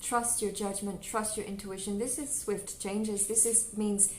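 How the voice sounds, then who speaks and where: A woman gives a casual tarot reading to camera in a loose, chatty way, full of "like" fillers and quick giggles. Her voice sits at an ordinary middle pitch for a woman. The room echoes around her, with faint ambient noise behind. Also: fairly even intonation, a little mellow. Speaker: tarot reader. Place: home room with birds nearby. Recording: roomy echo with faint background ambience.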